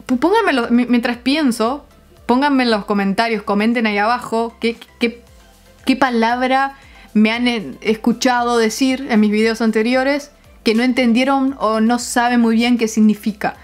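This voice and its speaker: A young Uruguayan woman vlogging casually, explaining her slang with frequent laughs and pauses to find the right words. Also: on the high side, steady tone, faint music behind. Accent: Uruguayan Spanish. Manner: chatty, laughs often, searches for words.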